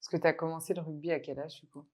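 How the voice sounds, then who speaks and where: A woman's voice: low voice, little pitch movement, fast talker. A woman hosting an interview, asking short, friendly prompting questions. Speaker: podcast host, interviewer.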